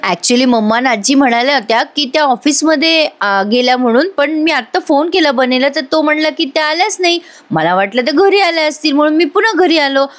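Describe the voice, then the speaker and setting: A woman's voice: sits high, animated, fairly quick, voice pushed up. A woman voicing a worried young husband who pleads and rambles anxiously in a TV serial recap. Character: worried young husband searching for his wife.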